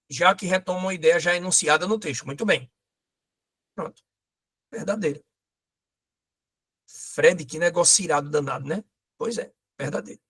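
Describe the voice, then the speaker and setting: A man teaching a lively exam-prep grammar lesson, pointing things out as he goes. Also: sits high.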